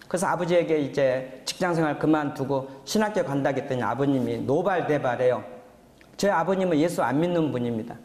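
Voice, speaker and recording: A man's voice: fairly high pitch, darkish tone. A man in his sixties, a pastor, telling his testimony in a sermon, earnest and rising into fervent exhortation. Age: 60s. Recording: reverberant church hall.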